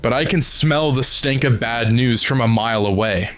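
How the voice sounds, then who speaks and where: A man's voice: medium pitch, moderate pace, dry recording, close to an everyday voice. A man voicing a blunt, terse clawed mutant fighter, read in a plain storytelling voice. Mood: flat. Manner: clipped, flat and blunt.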